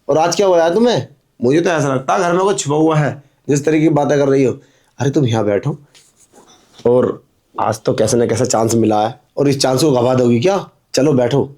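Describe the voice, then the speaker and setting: Man voicing a pushy young milkman, leering, wheedling, mid-pitched, melodramatic drama. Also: mellow, lightly acted. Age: young adult. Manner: insistent, wheedling.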